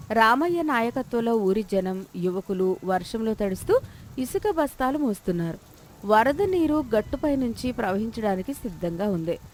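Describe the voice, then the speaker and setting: Lady reading a village moral tale, kinda high voice. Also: a little mellow, a little hiss or hum. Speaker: narrator. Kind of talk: scripted storybook narration.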